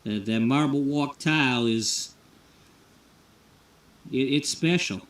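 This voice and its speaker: A man's voice: mid-range voice, slow, roomy sound, far from the mic, voice pushed up, close to an everyday voice. A man voicing a nervous, stammering male tile contractor in a life-sim game story, eager to please a client.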